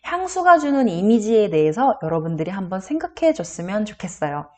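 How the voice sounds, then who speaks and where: A middle-aged woman teaching a recorded class. Her pitch swings widely as she talks, and she keeps turning to the students with questions in a chatty, friendly manner. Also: big pitch swings, fairly quick, dark tone. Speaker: university lecturer. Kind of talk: recorded online lecture.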